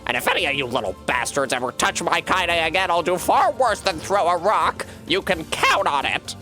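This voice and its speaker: A man's voice: on the high side, animated, moderate pace, sharp tone, soft background music, pitched above the performer's own voice. A man playing a vulgar, fierce old grandmother. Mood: scornful. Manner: coarse, gruff, swearing.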